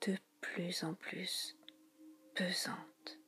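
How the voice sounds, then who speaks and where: A woman guides a relaxation hypnosis in a soothing, spa-like whisper, hushed and breathy, with slow repetitive phrasing and frequent pauses. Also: lowish voice, level tone, soft background music.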